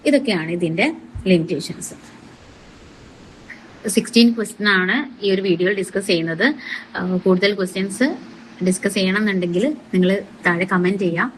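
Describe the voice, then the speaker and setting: A woman teacher, reading exam answers in measured English and then explaining them rapidly in Malayalam. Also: lowish voice, steady tone, a little hiss or hum, rough recording. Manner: reads English answers slowly and deliberately, explains in quick Malayalam.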